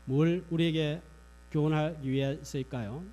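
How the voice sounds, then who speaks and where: A man's voice: fairly high pitch, fairly even intonation, normal speed, dark tone. A man preaching a sermon in a church, asking the congregation rhetorical questions. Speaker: pastor.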